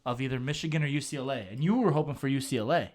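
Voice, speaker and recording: A man's voice: mid-range voice, racing, darkish tone. A young man co-hosting a podcast, talking loosely with slang and plenty of fillers. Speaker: podcast co-host. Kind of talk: casual chat.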